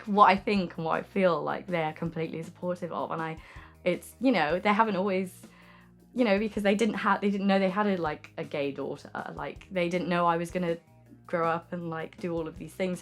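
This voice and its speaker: A woman's voice: lowish voice, fairly even intonation, fairly quick. A young adult woman talking frankly and informally in an interview as an artist, often saying "like" and "um". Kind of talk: candid casual interview talk. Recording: music playing behind the voice. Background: music.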